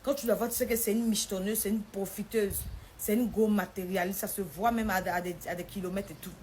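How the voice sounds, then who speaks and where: A young woman tells a personal story, acting out the quoted lines in a lively way. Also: medium pitch, brisk, a little hiss or hum.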